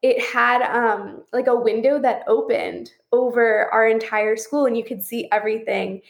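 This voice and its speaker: Young woman, casual chatter, frank and profane, fairly high voice, roomy sound. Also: steady tone, moderate pace, gravelly. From St. Louis area. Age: 20s. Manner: candid storyteller, swears freely, many "like" fillers. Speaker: podcast guest. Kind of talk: casual chat. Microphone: video call.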